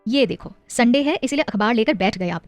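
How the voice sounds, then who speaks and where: A woman's voice: a little high, animated, a little fast, dry recording, soft background music, close to an everyday voice. A woman voicing a firm but loving young wife and mother in an audio story, with a teasing, affectionate scolding manner.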